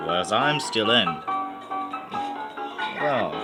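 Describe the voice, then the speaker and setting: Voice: medium pitch, expressive, takes it slowly. A person giving casual reaction commentary in hesitant mutters with dry understatement. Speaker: friend taking part in a reaction challenge. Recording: loud guitar music behind the voice.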